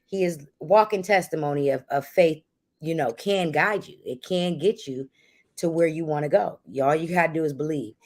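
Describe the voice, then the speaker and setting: A woman co-hosts a livestream with casual, motivational talk. Her voice is a bit low for a woman. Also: normal speed, darkish tone. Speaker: livestream co-host, content creator.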